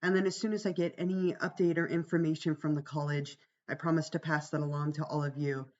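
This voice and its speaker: Gravelly-voiced woman teaching on a livestream. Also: low voice, steady tone, quick pace, a little mellow, muffled recording. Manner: reassuring, conversational. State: fighting a cold, voice strained from much talking. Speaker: college psychology instructor. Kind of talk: informal livestreamed class orientation.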